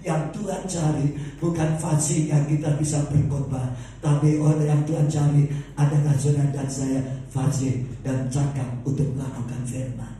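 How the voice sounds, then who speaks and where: A middle-aged male pastor, preaching with passion and rising to shouts, often repeating a fond address to the congregation. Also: medium pitch, slight background noise. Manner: impassioned, rises to shouts, repeats "saudaraku". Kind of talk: sermon. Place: church hall. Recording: echoey hall, heard from a distance.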